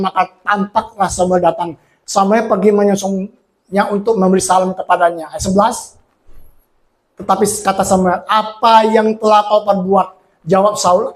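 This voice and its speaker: A man preaching a sermon as a pastor, who often ends his phrases with a quiet aside to the congregation and climbs into shouted emphasis. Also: high-pitched. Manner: preaches with rising shouts and repeated "saudara" tags. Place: church.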